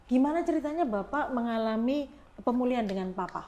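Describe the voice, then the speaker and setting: A woman hosting a podcast interview, asking brief curious questions in a soft, murmured way. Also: fairly high pitch, animated, a little fast. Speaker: podcast host.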